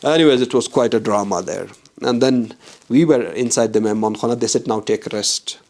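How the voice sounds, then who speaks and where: A man's voice: medium pitch, a little fast, darkish tone. A man from Pakistan, a documentary filmmaker telling a casual travel anecdote and acting out the quoted dialogue.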